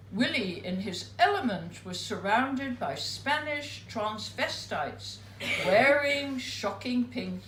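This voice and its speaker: A woman at a live spoken word night, reading her own memoir piece aloud in an unhurried, expressive storytelling manner. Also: on the high side, slight background noise. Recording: roomy live venue.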